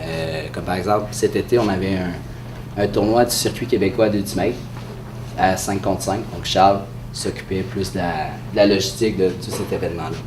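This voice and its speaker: A man with a Quebec French accent and a head cold, giving a halting, hesitant presentation as an association president at a press conference. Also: low-pitched, steady tone. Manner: hesitant, halting delivery with frequent pauses. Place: indoor room at a press event. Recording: echoey room, distant mic, faint noise.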